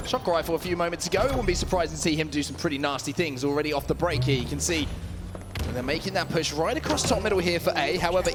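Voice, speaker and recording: A man doing dramatic esports play-by-play commentary as a caster, building excitement around the action. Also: a little high. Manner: dramatic, building to shouts at big plays.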